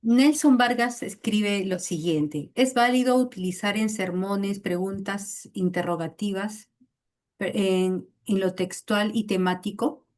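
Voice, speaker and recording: A woman moderating an online class, reading viewers' questions aloud in a steady, measured way. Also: medium pitch.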